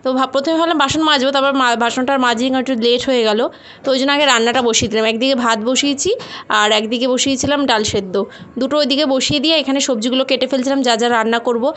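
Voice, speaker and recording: A woman's voice: high-pitched, fairly even intonation, quick pace, fairly bright tone. A mother and home vlogger telling viewers about her busy day in a chatty, rambling voice-over. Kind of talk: casual voice-over narration of a daily routine.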